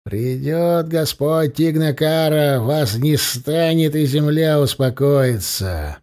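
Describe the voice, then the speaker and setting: A blind captive singer rasps and hisses his hatred in a low, hoarse voice, as a man reading the story puts him on. His words come slowly and with bitter fury. It is a dark fantasy audiobook. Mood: furious. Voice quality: hoarse, hissing. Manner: bitter, shouting in rage.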